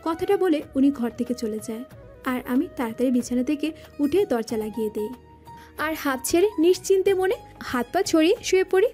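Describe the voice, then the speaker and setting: A woman narrates the story in the first person, her voice high yet soft and mellow. Faint background music runs under her narration. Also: expressive, a little fast.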